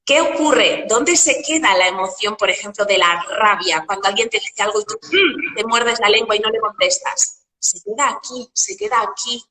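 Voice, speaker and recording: A woman talks in a bright, fairly high voice, building her points through rhetorical questions and homely metaphors. She sounds set back the mic in a roomy space with a long reverb tail. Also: animated, moderate pace, hardly any pauses, recorded from a distance. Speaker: guest coach.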